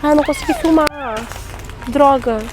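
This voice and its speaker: A woman filming a casual vlog on her phone in a supermarket aisle, talking excitedly with playful mock alarm. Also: high-pitched, moderate pace. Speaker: mother filming a family outing. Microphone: handheld phone camera. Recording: noisy store ambience.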